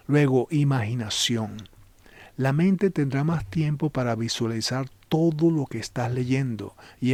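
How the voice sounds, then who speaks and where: A man giving a calm, casual lesson on reading the Bible aloud, speaking straight to the listener and sometimes dropping to a whisper. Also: mid-range voice, no room sound. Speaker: Bible teacher.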